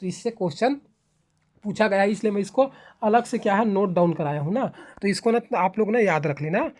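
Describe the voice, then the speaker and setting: A woman's voice: mid-range voice, brisk, a little mellow. A woman teaching a grammar lesson, sounding out syllables one by one and often asking herself rhetorical questions before she answers them. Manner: ends points with a checking "okay". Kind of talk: spoken classroom lecture.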